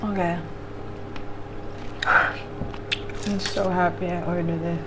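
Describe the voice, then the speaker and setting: A woman's voice: lowish voice, flat delivery, slow pace. A woman chatting casually and informally between bites of food, meandering from thought to thought as in a mukbang vlog. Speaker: vlogger eating on camera while reviewing a show. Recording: clearly audible background noise.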